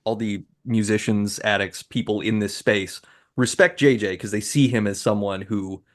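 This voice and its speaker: A man's voice: lowish voice, fairly even intonation, moderate pace. A man co-hosting a podcast, chatting casually and thoughtfully about a film, with lots of rambling "like"s. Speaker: podcast co-host.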